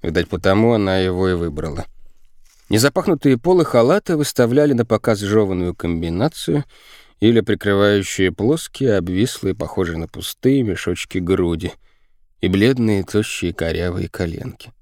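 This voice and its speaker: A man narrating an audiobook in an expressive, vivid reading. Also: low-pitched, normal speed, dry recording, studio quality.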